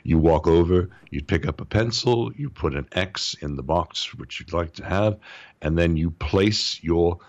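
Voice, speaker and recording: A man's voice: low-pitched, a little slow, darkish tone, no room sound, lo-fi sound. A sick man who sounds as if he is inside a tin can, explaining at length as an interview guest with many restarts. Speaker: political guest.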